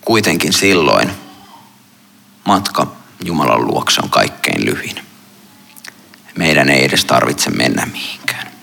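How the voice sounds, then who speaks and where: A man, a pastor, reading a gospel passage and then preaching in a measured way, with long pauses between phrases. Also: very deep voice, big pitch swings, gravelly, sharp tone.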